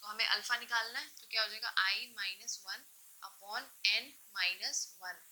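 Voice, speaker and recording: On a rough recording, a woman with a bright, forceful, somewhat high voice takes her time teaching chemistry. She moves step by step, switching between Hindi and English, asking questions before answering them herself and often checking in with quick confirmations.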